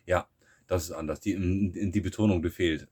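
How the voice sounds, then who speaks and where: A man from Germany co-hosting a podcast in casual chat, relaxed and musing, often restarting his sentences. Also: low voice, moderate pace, breathy edge. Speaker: podcast co-host.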